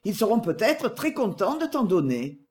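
A reader voicing a soft-spoken, enigmatic brother. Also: male voice, high-pitched, moderate pace. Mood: insinuating. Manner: soft-spoken, calm, insinuating. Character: calm, enigmatic man, a gently scheming brother. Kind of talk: audiobook dialogue.

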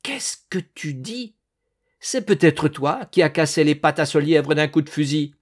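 Man voicing a grumpy old landowner hunter, storybook reading, raised pitch, lively shouting. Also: unhurried. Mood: furious. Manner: shouting, blustering, accusing. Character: bellowing old male landowner hunter, suspicious and menacing.

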